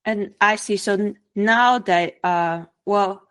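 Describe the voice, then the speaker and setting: A woman's voice: medium pitch, slow pace, fairly bright tone, clean tone. A woman hosting an interview, inquisitive and checking facts back with her guest. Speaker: podcast host. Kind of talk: interview questions.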